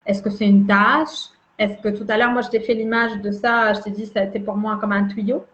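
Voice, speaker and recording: A woman explaining a calming emotion exercise in conversation, gentle and demonstrative, often repeating her words. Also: medium pitch, brisk, highs cut off. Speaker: emotional wellbeing guide.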